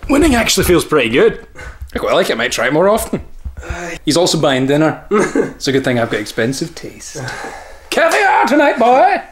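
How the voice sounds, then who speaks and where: A young man chatting playfully in a vlog, his voice husky and a bit wheezy from allergies. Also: fairly high pitch, fairly quick, a little hiss or hum. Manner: playful, teasing, lively. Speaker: vlogger. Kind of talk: casual vlog chat.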